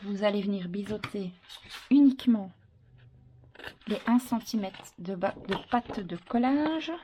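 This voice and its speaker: A woman's voice: mid-range voice, expressive, a little slow. A woman presenting an informal step-by-step craft tutorial, giving instructions as she works with her hands. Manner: instructional, talking while working. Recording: clearly noisy with handling clicks.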